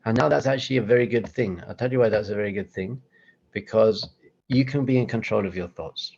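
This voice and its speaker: A rabbi giving a chatty, self-deprecating motivational talk with slides, breaking into acted-out voices. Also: male voice, fairly low pitch, brisk, creaky, darkish tone, dull audio.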